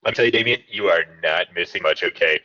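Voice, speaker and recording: Low-voiced man, mock-serious podcast co-host. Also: sharp tone, muffled recording. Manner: mock-serious, halting with many uh fillers. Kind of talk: satirical comedy podcast chat.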